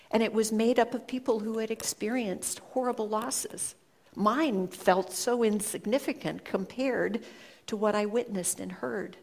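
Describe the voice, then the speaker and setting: A woman giving a reflective storytelling talk to an audience, speaking in an earnest, measured way with pauses. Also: medium pitch, a little mellow. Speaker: speaker sharing a personal story.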